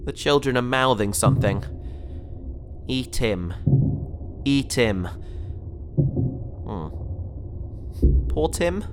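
The actor's mid-range voice has lively intonation, moving slowly and pausing often, with a little hiss or hum present. He plays a naive, cheerful young man caught in an alien's fish tank in a sci-fi audio drama, breezy and rambling as he talks his way around trouble with self-justifications.

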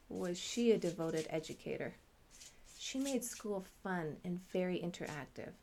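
A middle-aged woman and parent hosting a podcast, telling her family's story in measured, earnest scripted narration. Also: mid-range voice, darkish tone.

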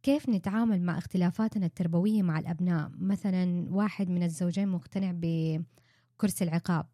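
A woman hosting an interview, asking clear, structured questions with examples. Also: lowish voice, steady tone, fast talker, mellow, dry recording, studio quality. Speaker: podcast host.

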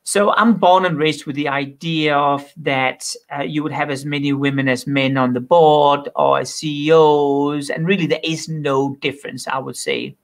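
A man's voice: fairly high pitch, fairly even intonation, normal speed, hardly any pauses. Man making bold claims. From Denmark. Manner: opinionated, makes bold claims. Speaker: author and guest. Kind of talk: interview answers.

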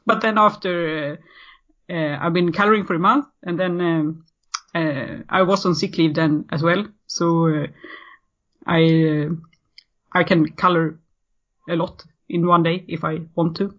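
A woman's voice: lowish voice, steady tone, measured pace, long pauses. A Swedish woman in her thirties with a Swedish accent, a podcast guest talking in a casual interview, hesitant, with many fillers and restarts. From Sweden. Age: 30s. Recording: muffled lo-fi audio.

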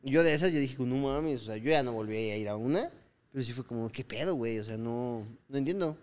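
A man with a Mexican accent chats loosely on a podcast, spinning anecdotes. His voice sits in an ordinary middle pitch. He drops into playful voices for the people he quotes. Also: a little fast. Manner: lively storyteller acting out quoted lines with slang. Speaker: podcast co-host. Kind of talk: casual podcast chat.

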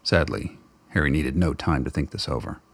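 The narrator's extremely deep, gravelly, husky male voice carries a radio drama script at a moderate pace. His delivery is dramatic and scripted, and the recording is close and dry.

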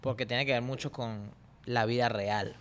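A man's voice: medium pitch, fairly even intonation, moderate pace, fairly bright tone, smooth. A man, a performer guest in a casual interview, playful and slangy, repeating phrases for effect.

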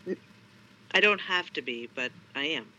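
A woman's voice: deep voice, animated, moderate pace, sharp tone. A woman who works as a sex therapist, calling into a radio show on a buzzy, glitchy line that keeps breaking up, answering in short, matter-of-fact statements. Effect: buzzy, glitchy call audio that breaks up. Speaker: sex therapist and social worker. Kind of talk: guest on a radio call-in show. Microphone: remote call connection. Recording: muffled call line, faint hiss.

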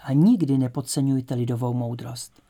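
Tělugin, a man voicing a calm old teacher. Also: medium pitch, lightly acted. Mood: lecturing. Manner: lecturing, assured. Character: older male teacher, calm, self-assured prisoner.

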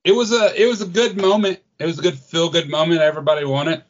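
A man co-hosting a casual podcast, blunt and easygoing and quick to swear, on dull lo-fi audio. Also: fairly high pitch, fairly even intonation. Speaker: podcast co-host.

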